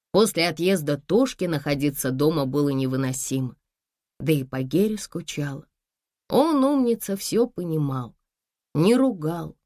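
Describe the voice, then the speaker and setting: A woman narrating an audiobook in a scripted, expressive reading. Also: low-pitched, no room sound, clean studio sound.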